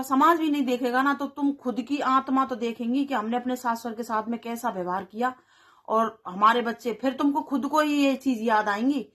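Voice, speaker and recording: Woman vlogger, preachy and insistent, higher-pitched; earnest advice to camera. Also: a bit bright. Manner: earnest, preachy, repeats phrases for emphasis. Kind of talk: moral advice talk to camera.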